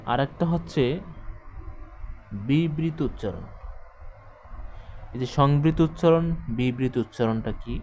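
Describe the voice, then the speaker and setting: A male teacher giving an exam-prep grammar lecture, explaining step by step, repeating points and quizzing his listeners with questions. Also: mid-range voice.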